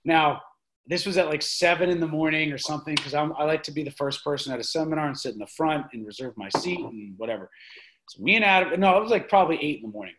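A man's voice: a little high, animated, fast talker, crowd noise, rough recording. A man guest on a chat show telling a rambling, profane story in casual talk. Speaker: guest, fitness mentor.

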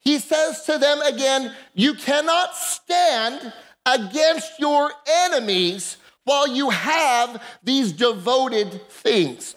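A woman's voice: sits high, expressive, takes it slowly. A woman pastor preaching a sermon into a pulpit microphone in a church, emphatic and calling for the congregation's responses. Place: church sanctuary.

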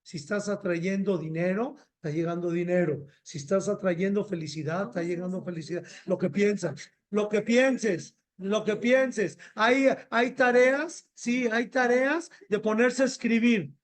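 Middle-aged rabbi, high voice, animated repetitive sermon delivery. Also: male voice, a little slow. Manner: animated, repetitive, mixes in Hebrew phrases.

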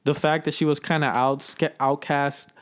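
A man's voice: a little high, flat delivery, normal speed. A young man co-hosting a casual podcast chat, rambling and peppering his talk with dude and bro. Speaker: podcast co-host.

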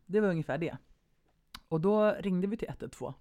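A woman co-hosting a casual podcast conversation, telling a personal story vividly and varying her pace between brisk and slow. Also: lowish voice, animated, dark tone. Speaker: podcast co-host.

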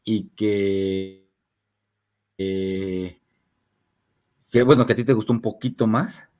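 A young man with a Mexican Spanish accent chats casually about films on a podcast, slangy and meandering, with hesitant fillers. His voice is on the low side, steady, slow, and a little mellow.

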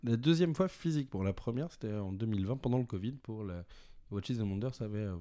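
A man's voice: fairly low pitch, a little fast, mellow. A man being interviewed as a brand executive, answering in a hesitant way with many restarts. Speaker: executive director of a watch brand, guest.

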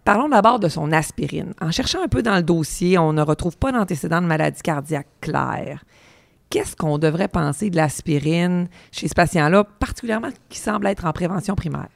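A woman with a Quebec French accent hosts an interview podcast. Her voice is hoarse and gravelly, with a creaky rasp, captured dry and close without room sound. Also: lowish voice, animated, a little fast, no room sound. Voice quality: gravelly, raspy voice. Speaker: podcast host. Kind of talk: interview with scripted introduction.

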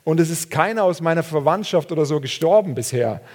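A man preaching a sermon, reading scripture aloud and swinging between soft, low passages and loud, raised ones. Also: lively intonation, a little fast.

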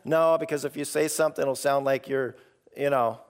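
A man preaching an informal, emphatic sermon in a gravelly, hoarse voice that is starting to give out. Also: medium pitch, fairly even intonation, moderate pace. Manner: informal, emphatic, acts out imagined replies. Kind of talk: sermon, conversational exhortation to a congregation.

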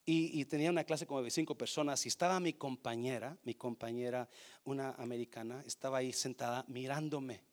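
A male pastor delivers an animated sermon in Spanish with English phrases mixed in, shifting between loud exhortation and quiet asides. His voice is medium-pitched and he talks a little fast.

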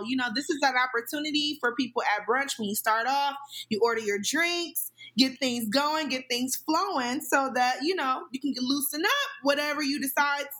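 A woman in her thirties hosting a casual podcast, effusive and emotional, with lively jumps in pitch. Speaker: podcast host.

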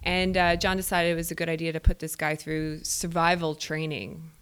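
A woman's voice: low voice, little pitch movement, normal speed, fairly bright tone, clean tone. A woman co-hosting a podcast, chatty and laughing often as she tells a field story. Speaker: podcast co-host. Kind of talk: casual storytelling chat.

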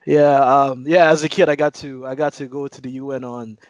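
A man from Senegal who co-hosts a podcast, speaking sincerely and haltingly. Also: medium pitch, steady tone. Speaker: podcast co-host. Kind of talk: casual podcast chat.

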